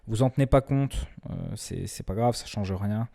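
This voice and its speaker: A man presenting a screen-recorded software tutorial in a relaxed, chatty way, often hesitating and restarting his sentences. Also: fairly low pitch, normal speed, gravelly. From France. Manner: self-deprecating humor.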